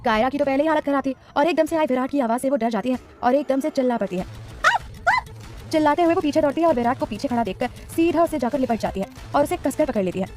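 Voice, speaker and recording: A woman narrating a serialized story in a brisk, dramatic narration style. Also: high-pitched, expressive, darkish tone, faint music behind.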